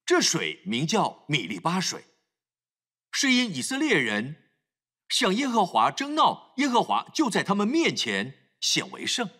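High, very animated male preacher. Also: a little slow. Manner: emphatic, acts out scripture scenes. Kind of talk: sermon.

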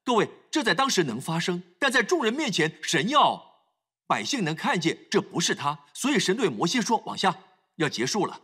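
A man's voice: high-pitched, big pitch swings, moderate pace, pushed and bright, slightly rough. A man preaching a sermon, emphatic, acting out scripture scenes as he talks.

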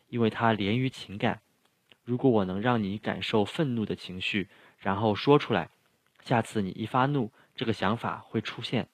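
A man's voice: lowish voice, slightly rough, no echo. A middle-aged man preaching, earnestly explaining things and speaking straight to his listeners. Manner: earnest, explanatory, addresses the audience directly. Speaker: pastor. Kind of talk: sermon teaching.

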